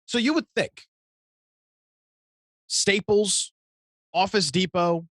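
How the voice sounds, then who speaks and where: A man's voice: high voice, takes it slowly, fairly bright tone, no room sound. American man, close and dry sound. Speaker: co-host of a computer talk show. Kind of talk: casual anecdotal talk.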